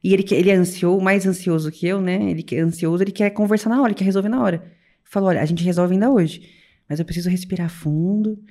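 A young adult woman chatting casually as a podcast co-host, telling stories in an animated, expressive way. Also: on the low side. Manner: animated storytelling, quick and expressive. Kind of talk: casual chat.

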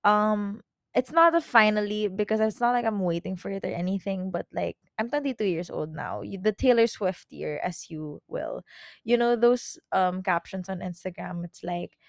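A woman's voice: medium pitch, animated, creaky, no room sound, clean studio sound. Chatty young Filipino woman podcaster. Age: 20s. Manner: chatty, rambling, full of "like" fillers and quick self-corrections. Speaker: podcast host. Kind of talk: casual solo podcast chat.

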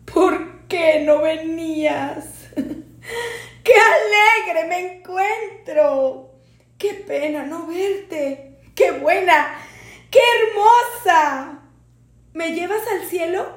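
A woman's voice: very high voice, extremely slow, long pauses, full character voice. Woman voicing tearful grieving young boy. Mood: delirious. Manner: tearful, pleading. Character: grieving orphaned young schoolboy. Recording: roomy echo.

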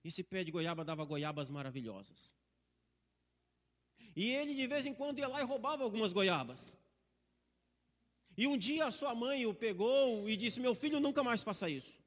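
A man preaches a sermon. He is emphatic and stretches out scripture lines, his voice very high and bright. A long reverb fills a large hall. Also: expressive, normal speed, long pauses.

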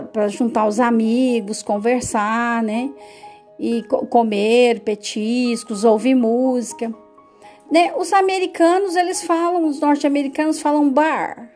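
A woman's voice: high-pitched, darkish tone. A Brazilian woman with a Brazilian Portuguese accent, teaching English vocabulary in a casual way, repeating words and adding frequent tag questions. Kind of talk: casual lesson monologue.

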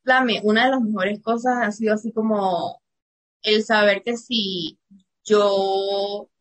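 A woman's voice: medium pitch, fairly even intonation, slow pace. A young woman from Venezuela with a Venezuelan accent, a student guest telling a personal story with many fillers. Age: young adult.

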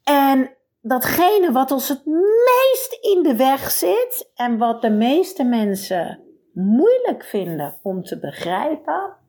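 A woman hosting a motivational podcast as a burnout coach, talking in an energetic, emphatic coaching tone. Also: fairly high pitch.

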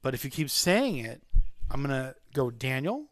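A man hosting a podcast, chatting casually in a rambling, animated way that often stops and restarts mid-sentence. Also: medium pitch, moderate pace, no room sound. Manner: rambling, self-interrupting, animated. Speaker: podcast host. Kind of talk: casual chat.

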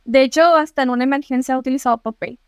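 High-voiced Mexican young woman, slangy. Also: racing, smooth, dry recording, studio quality. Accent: Mexican Spanish. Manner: animated storyteller, slangy and swearing. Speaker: podcast co-host. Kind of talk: casual chat.

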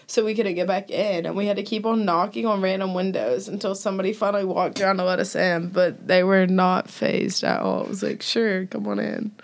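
A young woman in a casual chat among friends, telling an animated story about being locked out of a dorm. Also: medium pitch, brisk, few pauses. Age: young adult.

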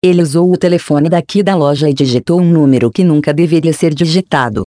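A storyteller voicing a short old man, a key-shop owner, who speaks calmly and with quiet knowing. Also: fairly high pitch, fast, dry recording, studio quality, close to an everyday voice. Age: older. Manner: calm, gently knowing.

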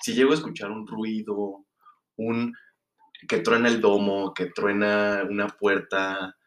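A young man with a Mexican Spanish accent, co-hosting a casual chat in a relaxed way, often laughing and explaining things. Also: lowish voice, slow pace, echoey room. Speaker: podcast co-host.

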